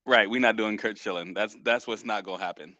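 Bright-voiced, slangy podcast co-host man. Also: fairly low pitch, brisk, no echo, dull audio. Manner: casual, slangy, heartfelt. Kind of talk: casual chat about sports.

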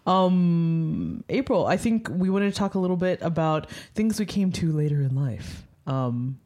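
A woman's voice: fairly low pitch, animated, a little slow, dark tone. Self-deprecating woman hosting a casual podcast. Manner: self-deprecating, playfully awkward. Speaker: podcast host. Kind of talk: casual chat.

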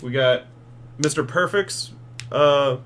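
A man's voice: medium pitch, a bit bright, slight background noise. A man co-hosting a casual watch-along, joking around in playful asides. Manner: playful, jokey, quick announcer-style bits. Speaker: co-host of a wrestling watch-along. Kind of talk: casual chat.

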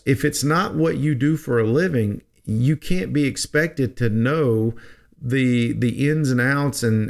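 A male radio host gives financial advice in a medium-pitched voice. He talks conversationally and with folksy emphasis, often doubling back to repeat a phrase before finishing his point.

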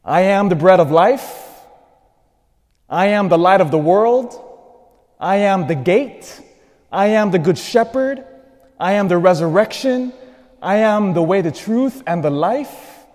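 A priest reading the gospel and preaching earnestly in a cathedral echo, building emphasis through lists. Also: male voice, sits high, expressive, slow pace, darkish tone. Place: large church. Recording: long reverb of a large church.

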